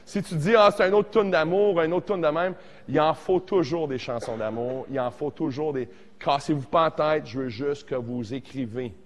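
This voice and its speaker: A man in his forties with a Québécois accent, teaching a casual songwriting workshop, joking and animated, tossing in English words. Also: on the high side, moderate pace, big-room sound. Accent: Québécois French. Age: 40s.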